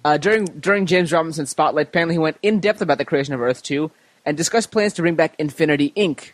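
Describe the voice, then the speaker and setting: A man's voice: a little high, fast, no room sound. A man co-hosting a comics podcast who talks in a hesitant casual way with many restarts. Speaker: podcast co-host. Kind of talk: casual chat.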